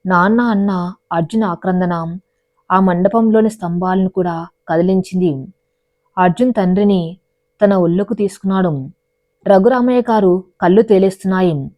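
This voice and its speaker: A woman's voice: on the low side, moderate pace, long pauses, no echo. A woman narrating a dramatic love story as a storyteller, in a scripted reading style. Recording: dry, dull lo-fi voice recording.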